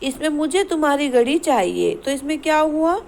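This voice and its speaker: A woman teacher explaining a grammar exercise to schoolchildren, asking the class questions and reading example sentences slowly. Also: sits high, big pitch swings, gravelly, darkish tone, poor audio. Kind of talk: Hindi grammar lesson to schoolchildren.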